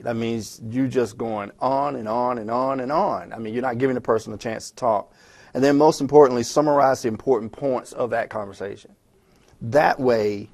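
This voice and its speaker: Guy recording a lecture, talks fast and loose, mid pitch, lots of restarts. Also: a little mellow. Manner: fast-talking, conversational, with restarts. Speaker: instructor. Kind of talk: recorded lecture walking through a textbook chapter. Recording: self-recorded lecture audio.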